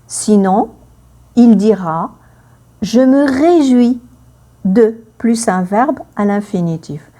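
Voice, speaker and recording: A woman teaching a French lesson, speaking slowly and clearly, repeating phrases for learners and acting out the emotions in her example sentences. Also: on the high side, animated, mellow.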